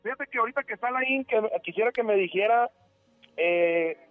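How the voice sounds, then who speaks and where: Caller, male, 40s, higher voice, halting storyteller, tinny phone line. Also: no room sound, soft background music. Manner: rambling, halting storyteller with many restarts. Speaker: radio caller. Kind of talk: telling a ghost story on a call-in show. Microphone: telephone.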